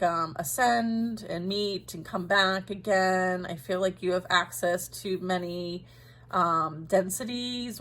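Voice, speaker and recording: A woman's voice: fairly low pitch, a bit bright. A woman giving a casual, rambling tarot reading directly to her listeners, talking with many fillers and often laughing at herself. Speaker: tarot reader.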